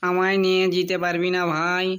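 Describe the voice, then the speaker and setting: A man's voice: high-pitched, monotone, fairly quick, a bit bright, clear, resonant tone. A man voicing a selfless, lame younger brother fox in a cartoon, pleading insistently. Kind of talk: cartoon voice acting.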